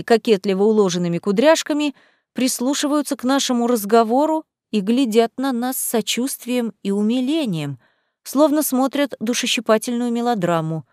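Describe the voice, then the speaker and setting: A woman reading a first-person fantasy novel aloud with an expressive, emotional delivery. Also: a little high, no echo, clean studio sound. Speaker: audiobook narrator. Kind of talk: first-person audiobook narration.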